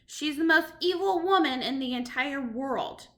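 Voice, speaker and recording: A woman's voice: high-pitched, measured pace. A woman reading aloud, voicing a loving, composed elderly grandmother who speaks tenderly. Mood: fond. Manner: warm, affectionate.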